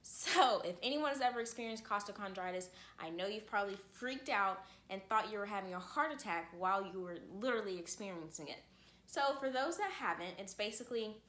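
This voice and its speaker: Young female vlogger with a bright, chatty delivery, recorded in an echoey room. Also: mid-range voice. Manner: chatty, frequent "like" and "literally". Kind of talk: casual personal story to camera.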